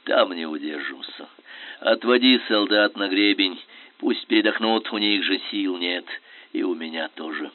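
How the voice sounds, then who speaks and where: A man's voice: sits low, a little slow, no room sound. A man voicing a passionate, defiant young general, heard over a tinny, phone-like radio line. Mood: exhausted. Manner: impassioned, pleading, defiant.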